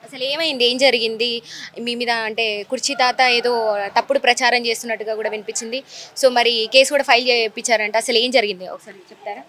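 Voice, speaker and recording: A woman's voice: fairly high pitch, steady tone, fairly quick, a bit bright. A woman interviewing guests with brief prompting questions.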